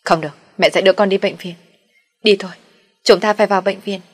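A frantic mother in a panic, crying out and begging, as a woman acts her out. The voice is loud and husky. An audio storybook telling. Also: fairly low pitch, quick pace, faint music behind.

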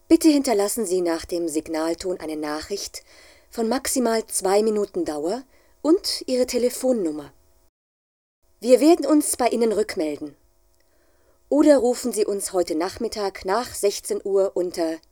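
A woman reading a formal, clearly articulated answering machine message for a language exam. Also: medium pitch, warm tone, no room sound, clean studio sound. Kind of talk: scripted exam recording.

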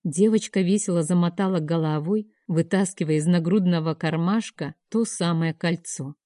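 A woman narrating a romance novel in the first person, with a soft, emotional, measured delivery. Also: fairly low pitch, dry recording, clean studio sound. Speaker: audiobook narrator.

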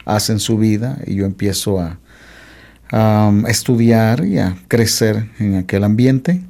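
Gravelly-voiced man telling his life story. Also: on the low side, unhurried, dark tone. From Mexico. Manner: hesitant, with frequent "eh" fillers and restarts. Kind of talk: testimony in an interview.

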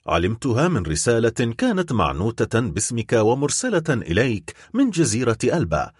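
A man plays a nervy young prosecutor in a storybook recording, tense and alarmed. His husky voice rises and falls sharply. The sound is dry. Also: medium pitch, no room sound. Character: anxious young male royal prosecutor, the son. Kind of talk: audiobook character reading.

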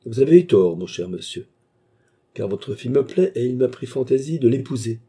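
A man's voice: mid-range voice, lively intonation, normal speed, dark tone, husky, voice pushed up. A man voicing a cold, scheming male baronet who dominates the man he is speaking to, in an audiobook reading. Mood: cold, commanding.

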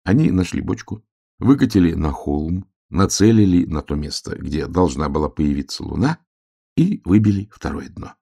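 Storybook narrator, man: calm, measured, very low and gravelly, tone lively in its rise and fall. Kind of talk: storybook reading.

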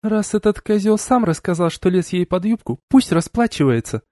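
A shrill, indignant young woman of a starship crew, as a male audiobook reader puts her on, her voice pitched far up and strained with outrage. The recording is dry and close. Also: expressive, normal speed, dark tone, dry recording. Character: young woman, indignant, sharp-tongued ship's radio operator. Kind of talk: audiobook character reading.

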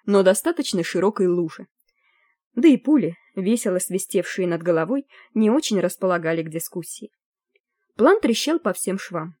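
Mellow-voiced woman narrating an audiobook. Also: medium pitch, dry recording, studio quality. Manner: lively, expressive reading.

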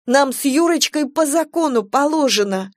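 A frightened young mother, acted by a woman reading aloud, pleads in a raised, thin voice that sounds close to tears. Her lines sit well above the reader's own pitch and are recorded dry and close. She sounds fragile and on edge, as in a horror audiobook. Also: monotone, extremely slow, mellow, no echo. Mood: pleading. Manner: high, pleading, near tears.

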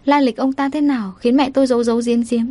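A woman storyteller, narrating a first-person story in a steady, emotive reading. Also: sits high, fast.

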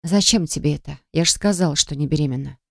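A woman's voice: sits low, fast, gravelly, darkish tone, dry recording, clean studio sound. A woman voicing a proud, hurt young woman who speaks sharply and reproachfully. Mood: cold.

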